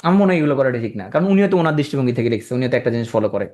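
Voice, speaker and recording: A man with a Bangladeshi accent teaching English grammar in an online lecture, often pausing to quiz his students. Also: medium pitch. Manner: lively, asks students frequent rhetorical questions.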